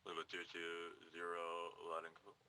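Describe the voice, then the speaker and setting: A man's voice: low-pitched, monotone, moderate pace. A man giving clipped military radio callouts in a game, like astronaut radio chatter. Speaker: player on a radio net. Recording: distant, noisy radio transmission with clicks.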